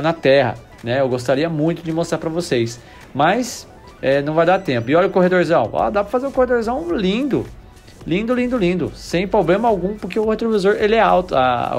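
A man's voice: on the high side, darkish tone. A man hosting a motorcycle channel, giving enthusiastic casual test-ride commentary straight to his viewers, repeating himself as he goes.

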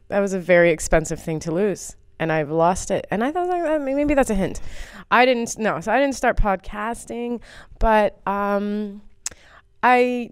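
A woman's voice: medium pitch, smooth, dry recording, clean studio sound. An American woman comedian chatting casually as an interview guest, rambling and self-deprecating with plenty of fillers. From United States.

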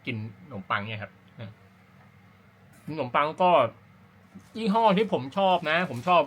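A man's voice: fairly high pitch, big pitch swings, unhurried, a bit bright. A man talking casually as an amateur running vlogger, explaining his routine in an informal, rambling, self-correcting way. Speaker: amateur runner hosting a running vlog. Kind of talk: casual talk to camera about personal routine.

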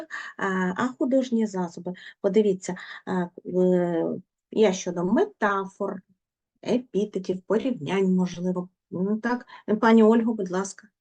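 A woman leads a literature class at an even, middling pitch. She keeps prompting her students with questions and coaxes them toward answers. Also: muffled recording. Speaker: teacher. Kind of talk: literature lesson.

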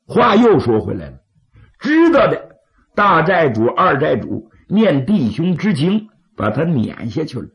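A storyteller doing a gravelly, scheming bandit lieutenant. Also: male voice, a little high, pitched above the performer's own voice, full character voice. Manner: persuasive, emphatic, dramatic storyteller's character voice. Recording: slightly dull, lo-fi audio.

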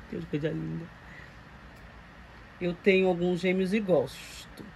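A Brazilian woman with a fairly low voice talks casually to her viewers, doting and chatty. She coos at the doll she is holding. A faint hiss sits under her voice. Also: steady tone, slow, gravelly, a little mellow, low-quality recording. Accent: Brazilian Portuguese. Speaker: reborn doll collector vlogger. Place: home room with doll shelves.

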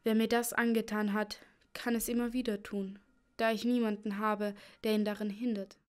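A woman's voice: medium pitch, flat delivery, normal speed, clean tone, close to an everyday voice. A woman voicing a distressed young queen who pleads anxiously.

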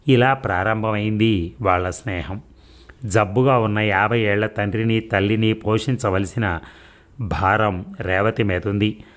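A man narrating an audio story in a steady, measured reading. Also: lowish voice.

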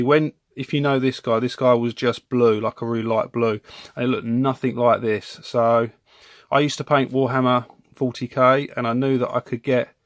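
Speaking from behind the camera, this toy reviewer chats loosely about a collectible figure, wandering off track and correcting himself. His voice sits at a medium pitch, and the audio is studio quality with no echo. He's in a room at home stocked with toy shelves.

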